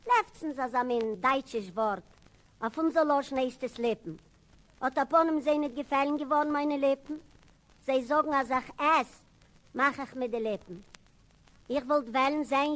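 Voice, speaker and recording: Woman playing cheeky orphan boy Mottel. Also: sits high. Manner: lively storytelling with sung refrains. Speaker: stage performer. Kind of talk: 1970s Yiddish stage monologue. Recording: 1978 concert record, partly distant.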